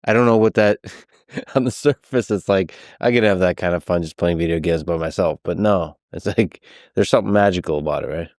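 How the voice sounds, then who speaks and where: A man's voice: low-pitched, a little fast, darkish tone, dry recording, studio quality. A man hosting a casual interview, asking curious and reflective questions.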